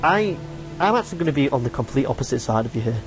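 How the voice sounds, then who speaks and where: A man's voice: medium pitch, very animated, rapid-fire, music in the background, rough recording. A young man hosting a casual podcast chat, rambling and restarting his sentences and swearing casually. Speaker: podcast host.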